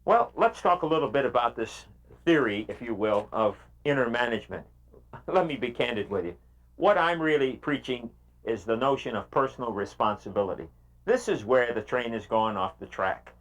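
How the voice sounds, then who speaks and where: An older man giving a motivational keynote speech to a live audience, in an animated, emphatic, preacher-like way. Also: medium pitch, normal speed. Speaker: motivational speaker.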